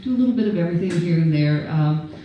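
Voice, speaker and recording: A woman's voice: fairly low pitch, animated, fast talker, dull audio, a crowd in the background. A Canadian woman doing a stand-up set at an event, rambling and self-deprecating, laughing at her own jokes. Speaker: stand-up comedian. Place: event venue, audience laughter behind. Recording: echoey room from far off.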